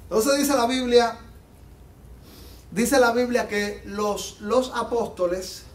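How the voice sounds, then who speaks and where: High-pitched guy preaching hard, fervent, echoey church sound. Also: fairly even intonation, takes it slowly, far from the mic. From Latin America. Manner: fervent, rising to emphatic peaks and dropping low. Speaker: pastor. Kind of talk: sermon. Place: church sanctuary. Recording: echoey church hall, off-mic.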